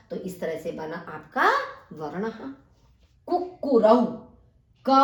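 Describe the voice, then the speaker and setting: A woman teacher working through a textbook exercise, spelling words out sound by sound and explaining each step. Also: fairly high pitch. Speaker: Sanskrit teacher. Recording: echoey room.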